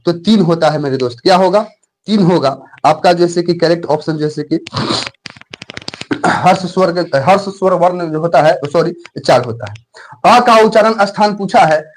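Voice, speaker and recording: A man teaching Hindi grammar in an exam-prep lesson. He repeats each point, quizzes the viewers, draws out letter sounds in drills and keeps calling them his friends. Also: fairly high pitch. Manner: repetitive, quizzes viewers, frequent filler phrases and "my friend".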